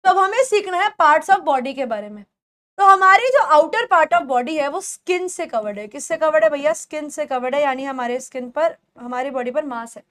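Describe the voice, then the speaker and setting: Young female English teacher, Indian accent, high bright pitch, patient classroom drilling of vocabulary. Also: expressive. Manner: explains in Hindi mixed with English, repeats words slowly for pronunciation. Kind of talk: spoken English lesson for beginners.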